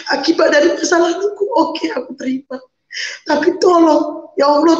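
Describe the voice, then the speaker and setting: Emotional woman, high voice. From Medan, North Sumatra. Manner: emotional, pleading, repeats phrases. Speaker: guest. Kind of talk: emotional personal testimony. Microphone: video call. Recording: roomy, dull video-call audio.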